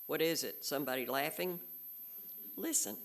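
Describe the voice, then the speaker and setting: A woman's voice: deep voice, normal speed. A woman reading a storybook aloud and voicing a kind, eager young boy in a raised voice.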